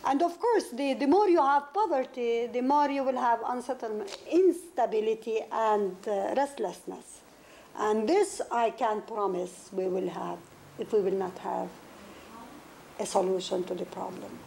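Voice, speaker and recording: Woman from Palestine, non-native English speaker, fairly high voice, earnest, stop-start answers, old tape with faint hiss. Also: creaky, mellow. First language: Arabic. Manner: earnest, halting, repeats words and restarts. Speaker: interviewee, novelist. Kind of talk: interview answers. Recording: 1991 interview tape with faint noise.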